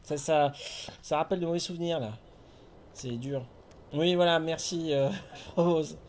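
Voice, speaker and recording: A man's voice: on the high side, steady tone, a little slow, a little mellow, a little hiss or hum. A man giving casual running commentary while playing a video game, chatting with viewers and humming to himself. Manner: chatty, talks to himself and chat, hums tunes.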